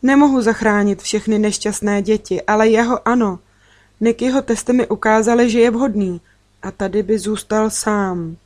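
Alien girl, calm and kind, serious and gentle, as a woman reader puts her on. Storybook. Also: mid-range voice, lightly acted. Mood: resolved. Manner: serious, gentle, matter-of-fact.

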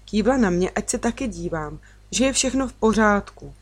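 A woman reads a children's book aloud as an audiobook, narrating in the first person. Her telling is gentle and even, with a mid-pitched voice. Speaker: audiobook reader.

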